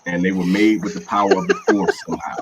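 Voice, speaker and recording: Casual co-host, man with a lowish voice, animated rants, faint crickets outdoors. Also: fast talker, background noise. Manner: animated ranting, emphatic swearing. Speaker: podcast co-host. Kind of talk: casual chat.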